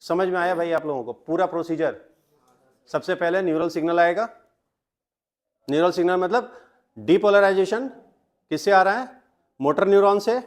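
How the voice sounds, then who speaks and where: A man's voice: high-pitched, moderate pace, pauses often. A young adult man, teaching biology to a classroom of students. He mixes in English terms, keeps asking the class questions and then answers them himself. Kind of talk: classroom lecture.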